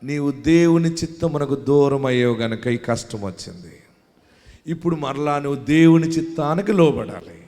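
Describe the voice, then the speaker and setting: A man preaching a sermon as pastor, swinging from quiet talk to loud shouting and calling on the congregation to shout hallelujah. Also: fairly high pitch, lively intonation, moderate pace. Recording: long hall reverb.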